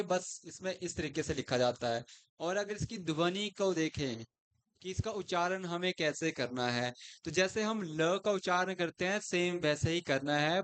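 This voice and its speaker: A man's voice: sits high, a bit bright, smooth. A man teaching grammar who keeps asking questions and answering them himself. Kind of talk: explanatory lesson.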